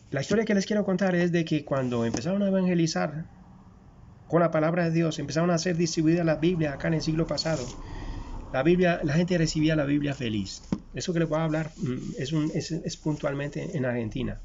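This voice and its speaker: A man's voice: fairly high pitch, darkish tone, slight background noise. A man preaching a conversational sermon, folksy and direct, firing rhetorical questions at his listeners and building long repeated lists. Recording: dull lo-fi recording.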